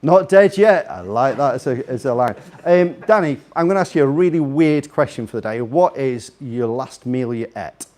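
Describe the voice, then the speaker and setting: Medium in pitch and darkish in tone, this man talks at normal speed with lively intonation and few pauses. As a guest speaker with a slightly Scouse accent, he gives a chatty, jokey, rambling talk live in a room, asking the audience questions.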